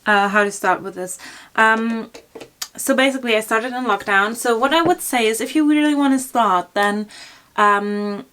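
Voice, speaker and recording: A woman's voice: on the high side, moderate pace, pushed and bright. A young woman chatting casually in a Q&A video, rambling with many fillers and restarts while doing her makeup. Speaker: fashion YouTuber. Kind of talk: casual Q&A chat.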